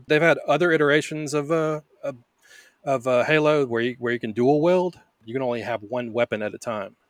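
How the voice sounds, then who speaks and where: A man's voice: mid-range voice, a little fast, dry recording, studio quality. A man as a podcast guest, playful in casual chat, with stumbling restarts.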